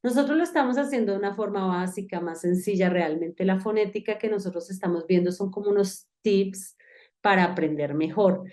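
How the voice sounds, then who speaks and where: In a whiteboard-based online class, a female English teacher patiently takes one learner through pronunciation, explaining every step. She speaks fairly quickly, with a medium-pitched voice and a darkish tone.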